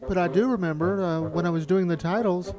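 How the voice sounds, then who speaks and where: Over background music, a man's high voice delivers reminiscing documentary narration about amateur filmmaking, telling it conversationally like a story. He talks a little fast, and the recording quality is low.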